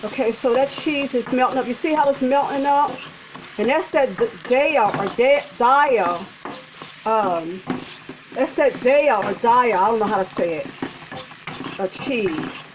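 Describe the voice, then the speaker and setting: A woman's voice: a little high, moderate pace. A woman vlogging a casual cooking demonstration in her home kitchen, talking in a chatty, rambling way and correcting herself as she goes. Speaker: vlogger cooking a vegan breakfast. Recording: kitchen noise and pan sizzle. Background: food sizzling in a pan.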